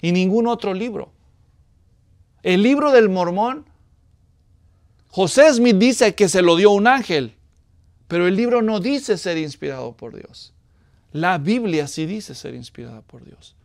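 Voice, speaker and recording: A man preaches in a high, light voice. He teaches in a conversational way and keeps putting questions to his listeners. The sound is dry and close. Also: animated, a little slow, gravelly, pauses often, darkish tone, no echo. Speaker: pastor. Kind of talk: sermon.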